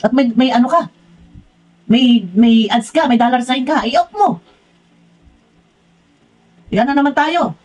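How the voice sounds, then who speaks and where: A woman vents in a reaction vlog. Her voice sits high, and she scolds in an exasperated tone, stacking up rhetorical questions. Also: slow, pauses often, a little mellow, low-quality recording. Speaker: vlogger.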